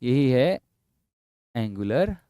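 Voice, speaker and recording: A man teaching physics in a classroom lecture. He explains slowly and repeats himself, coaxing his students along. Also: medium pitch, big pitch swings, dark tone, no room sound, clean studio sound. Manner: drawn-out, repetitive explaining, coaxing students with "yaar" and "bhai".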